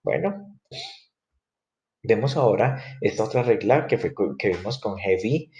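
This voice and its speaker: A man teaching English grammar, explaining rules in a lively way, repeating and spelling out each example slowly. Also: on the low side, dull audio. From Colombia. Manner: animated, repeats and spells words out, slows for examples.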